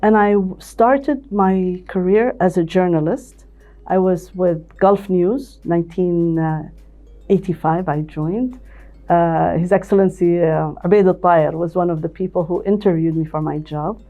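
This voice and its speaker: The interviewee is an older Ethiopian CEO and managing director whose low, unhurried voice comes through with phone-like quality. Telling the story of her life, she frequently starts over and repeats words.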